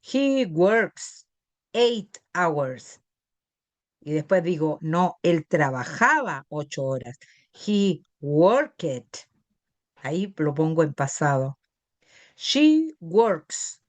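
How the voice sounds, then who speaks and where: A woman's voice: fairly low pitch, dry recording. A middle-aged woman teacher with a Chilean Spanish accent, patiently explaining grammar to a class and often checking that students follow. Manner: patient, checks understanding with tag questions. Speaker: English teacher.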